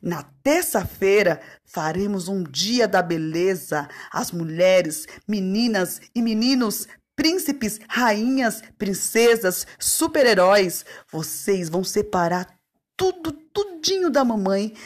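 A woman, a preschool teacher talking in a playful, singsong way to young children. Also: mid-range voice. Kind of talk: lively talk to young children.

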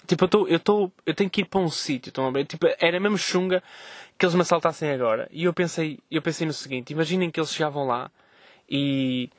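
A young man tells stories at a rapid clip, in a voice a little higher than most men's. He swears freely and jumps in and out of quick voices for the people in his stories. The sound is dry and close, with no room around it. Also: no room sound. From Vila Nova de Gaia, Portugal. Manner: animated, profane, acts out dialogue in quick voices. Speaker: podcast host. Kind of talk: casual storytelling vlog. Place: outdoors on a street.

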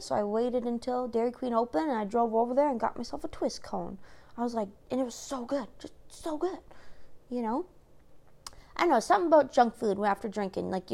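A woman's voice: on the high side, creaky, a little mellow. A young woman vlogging in a casual, rambling way, telling stories with lots of fillers. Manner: chatty, laid-back storytelling with lots of fillers. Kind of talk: casual chat.

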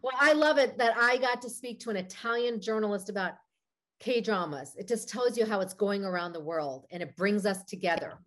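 A woman's voice: mid-range voice, moderate pace, a bit bright. A woman hosting a podcast, upbeat and enthusiastic as she wraps up an interview. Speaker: podcast host. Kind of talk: casual interview chat.

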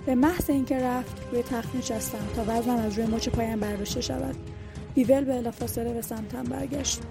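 A woman's voice: on the high side, steady tone, gravelly. Woman narrating an audiobook over music. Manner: reads all characters herself, dialogue lightly voiced. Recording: music bed behind the voice.

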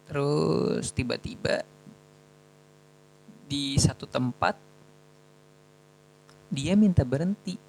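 Gravelly young man. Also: a little high, slow pace, pauses often, a little mellow, a little hiss or hum, low-quality recording. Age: young adult. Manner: chatty, slangy, self-mocking. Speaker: student telling a personal story. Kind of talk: casual storytelling.

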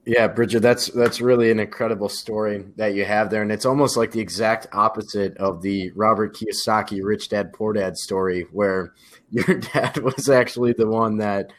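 A man hosting a podcast interview in a relaxed, hesitant way. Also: on the low side, normal speed. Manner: relaxed, hesitant, many fillers. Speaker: podcast host. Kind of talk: casual interview.

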